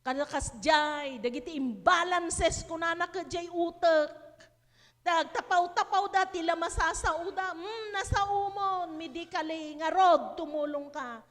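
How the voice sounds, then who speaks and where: High-voiced Ilocano woman preaching slowly. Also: a bit bright. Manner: switches between Ilocano and English, preaching with rising emphasis. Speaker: pastor. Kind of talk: sermon. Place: church hall. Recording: hall reverb.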